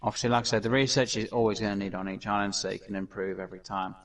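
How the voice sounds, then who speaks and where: A man hosts a casual gameplay commentary in a low-set voice, rambling along with plenty of fillers and restarts. He sounds set back from the microphone, as if the mic sits some distance away. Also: flat delivery, rapid-fire. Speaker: gaming channel host.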